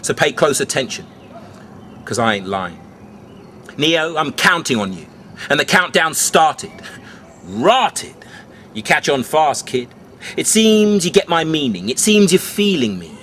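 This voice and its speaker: A man with a fairly high voice performs rhyming spoken-word verse like a cool beatnik. He stretches phrases for drama and confides in the listener like a mentor sharing a secret. There is clear noise behind him. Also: very animated, a little slow, pauses often, fairly bright tone. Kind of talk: rhyming stand-up beat poetry performance.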